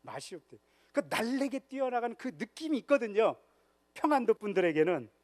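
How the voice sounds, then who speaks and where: Man, high voice, lively church-retreat lecturer who teases the crowd with questions. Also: fairly quick. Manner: jokes and quizzes the audience. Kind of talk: humorous church history lecture. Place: church hall.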